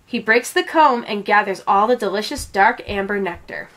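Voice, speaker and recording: Here a mid-range female voice narrates a children's story, her read-aloud delivery expressive yet measured.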